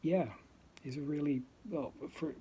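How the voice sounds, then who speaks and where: In an unscripted first vlog to camera, a Dutch-accented man from the Netherlands hesitates a lot, reaching for words through ums and uhs. His fairly high voice carries a dark tone and a breathy edge, with fairly even intonation and an unhurried delivery.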